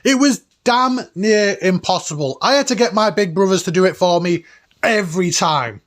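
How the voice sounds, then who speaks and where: A man's voice: high-pitched, moderate pace, fairly bright tone. A man around forty hosting a retro gaming video with enthusiastic, nostalgic, informal commentary and emphatic delivery. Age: late 30s to early 40s. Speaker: host of a retro gaming countdown. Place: cabin, indoors.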